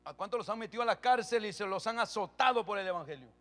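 Over soft background music, a male pastor with a high voice reads scripture in a calm tone. Later he rises into loud, forceful preaching, quickly questioning the congregation.

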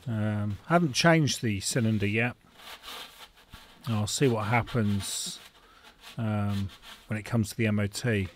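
With a fairly low voice and a slightly slow delivery, a middle-aged home mechanic muses aloud as he works on a car indoors in his garage. His talk is casual, frank, and full of fillers, over faint noise and clicking tools.

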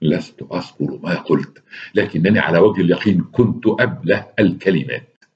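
A man with an Egyptian Arabic accent reading a short story aloud with expressive, wry delivery and casual asides. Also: sits low, fairly quick, muffled recording. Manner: expressive, wry, laughs at his own asides.

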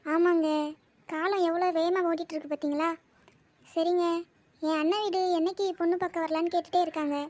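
Brief: fretful cartoon mum with three daughters, scolding tone, very high and light voice, a woman performing. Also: steady tone, a little fast, pauses often, a little mellow. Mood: gentle. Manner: scolding, complaining. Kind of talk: animated cartoon voice acting.

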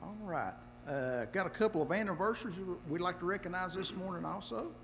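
A man giving church announcements from the pulpit in a plain way, reading out a card slowly. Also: high-pitched, fairly bright tone, long reverb tail, a little hiss or hum.

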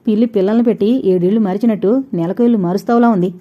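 A woman voicing a stubborn, sharp-tongued older mother-in-law in a storybook reading, blunt and scolding. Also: medium pitch, racing, lo-fi sound, close to an everyday voice.

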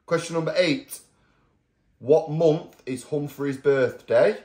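Speaking slowly in a slightly high, somewhat mellow voice, a man with a Manchester accent casually runs a family quiz at home. He laughs and plays along, lapsing into fond baby talk with the dogs, and the room echoes with noise in the background.

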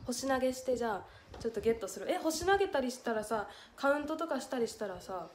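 Young female idol, Hiroshima accent, slightly high voice, chatty and giggly, talking to viewers from home. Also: animated, fast talker, slight background noise. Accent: Hiroshima Japanese. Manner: chatty, reads viewer comments aloud, giggly. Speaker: idol livestreamer. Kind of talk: casual livestream chat.

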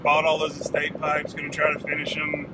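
Man talking in a noisy moving truck. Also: fairly high pitch. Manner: rambling, relaxed, with restarts and drawn-out pauses; talks while smoking a pipe. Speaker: vlogger. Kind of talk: casual video reply. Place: inside a pickup truck, driving. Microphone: phone or camera mounted on the dashboard. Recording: loud road and engine noise.

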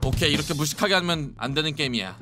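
A young man in his twenties streaming a game, excitable and yelling at it as he plays. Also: a little high, very fast. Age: 20s. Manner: excitable, yells and shouts at the game. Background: game music.

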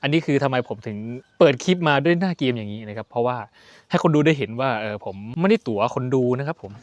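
Male let's play host, bright animated delivery, cracks jokes, yelps at scares; dull home-mic sound. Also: mid-range voice, fast talker, no echo. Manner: jokey, chatty, yelps and swears when startled. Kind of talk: horror game let's play commentary.

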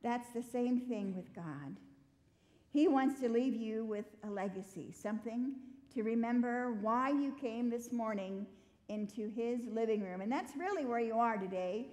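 A woman's voice: a little high, a little slow, darkish tone. A middle-aged woman pastor preaching a conversational sermon, asking the congregation direct questions. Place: church sanctuary stage. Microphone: far camera. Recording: reverberant church hall from a distance.

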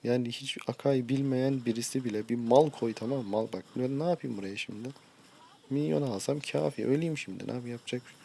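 A man's voice: medium pitch, fast, creaky, dark tone. A short-tempered man streaming a mobile game, giving live commentary and ranting at his teammates.

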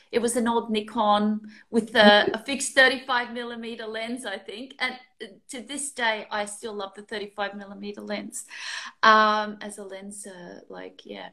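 Chatty Australian woman on a video call. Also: fairly high pitch. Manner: chatty and relaxed, laughs often between thoughts. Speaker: interview guest, photographer. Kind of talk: casual video-call interview. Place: room at home, indoors. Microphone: video call, built-in mic.

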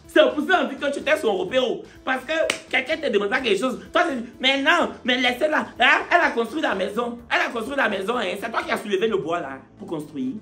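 A man giving animated, teasing commentary, with dramatic shouted interjections. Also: extremely high pitch, quick pace, few pauses, faint music behind. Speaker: online commentator.

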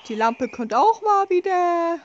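A woman's voice: extremely high pitch, big pitch swings, unhurried, muffled recording. A woman giving casual, wry, sarcastic commentary as she plays a horror game. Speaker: let's play host.

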